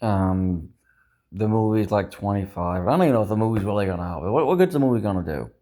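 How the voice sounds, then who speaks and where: Warm in tone and lowish, a man's voice comes across as animated and quick. He's a vlogger in a casual, meandering monologue, self-doubting, brooding, and mildly profane.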